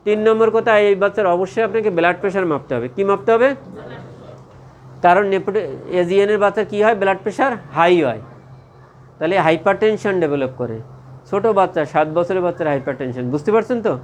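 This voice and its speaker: A man with a high voice teaches a medical class. He poses questions and answers them himself, and he checks again and again that his listeners follow. Faint ambient noise sits under the recording. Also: fast. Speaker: medical lecturer. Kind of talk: classroom lecture.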